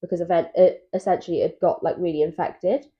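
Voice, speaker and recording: A young woman in her twenties co-hosting a couples podcast, chatting casually and telling stories with animated asides. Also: on the low side, a little fast. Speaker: podcast co-host. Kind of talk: casual chat. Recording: dull lo-fi mic sound.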